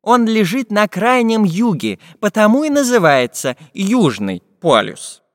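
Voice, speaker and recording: A man's voice: high-pitched, big pitch swings, measured pace, no room sound, clean studio sound, long reverb tail, pitched above the performer's own voice. A man voicing a learned old professor in a storybook tale, explaining things in a patient lecturing manner.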